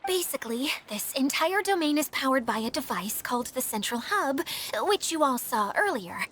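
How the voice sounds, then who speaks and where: A woman with a high, slightly bright, sing-song voice plays a timid, formal mascot caretaker in a video game who gets flustered easily. At normal speed, her dialogue sounds hesitant, apologetic, earnest and polite, with a little hiss or hum in the recording.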